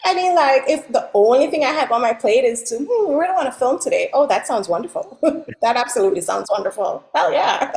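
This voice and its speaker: A woman born in Jamaica, chatting as a guest in an interview, laughing often and animated. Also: high-pitched, brisk, gravelly, roomy sound, rough recording. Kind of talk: casual interview chat.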